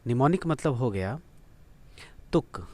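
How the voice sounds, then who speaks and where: A man's voice: mid-range voice, expressive, slow pace, darkish tone. Man, vocabulary teacher, patient explaining, repeats and spells words. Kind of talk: lesson on vocabulary with memory tricks.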